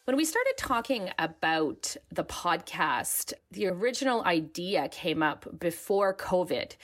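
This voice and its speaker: A woman's voice: lowish voice, big pitch swings, a little slow, fairly bright tone, soft background music. A woman co-hosting a podcast in a conversational way, recorded in a makeshift bedroom booth with a towel hung to dampen the sound. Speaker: podcast co-host, personal finance editor.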